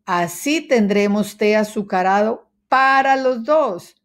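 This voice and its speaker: A woman voicing a big, friendly male dog who speaks calmly and makes suggestions in a children's storybook. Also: mid-range voice, slow, natural voice. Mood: eager. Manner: calm, suggesting tone.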